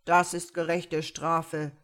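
A woman voicing a gruff, stern male bear in a fairy tale, loud and scolding. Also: deep voice, flat delivery, takes it slowly.

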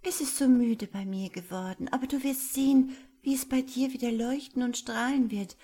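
A woman voicing a little female angel who pleads tenderly and tearfully in a raised, soft voice. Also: a little high, fairly even intonation, moderate pace, breathy edge, pitched above the performer's own voice. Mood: pleading.

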